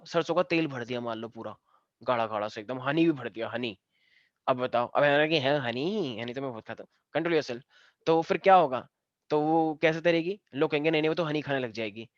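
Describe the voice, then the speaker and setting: A man's voice: fairly high pitch, moderate pace, no echo, muffled recording. A man teaching a science class, explaining step by step and joking with his students. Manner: playful, joking and teasing students. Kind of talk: live online class lesson.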